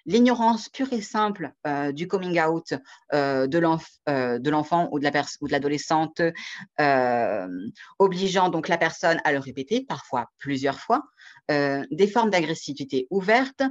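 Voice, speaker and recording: Hesitant man presenting over a video call. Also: fairly high pitch. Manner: measured, hesitant delivery with frequent pauses. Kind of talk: online conference presentation. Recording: dull lo-fi video call audio.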